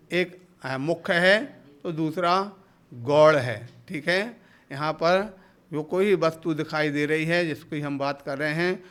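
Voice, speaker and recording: A man's voice: a little high, fairly bright tone, clean tone. A man, a monk, giving a sermon into a microphone, explaining step by step, asking his listeners questions and acting out short everyday exchanges. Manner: explanatory, asks rhetorical questions; acts out short everyday dialogues. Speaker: Jain monk giving a discourse. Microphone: speaking into a hall microphone.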